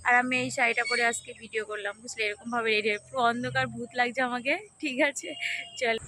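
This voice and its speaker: A young woman with a hoarse voice, chatting casually to viewers in a home vlog and often asking if they follow. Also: on the high side, steady tone, quick pace, pushed and bright, a little hiss or hum. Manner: chatty, keeps asking "okay?". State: hoarse, sore throat. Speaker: vlogger.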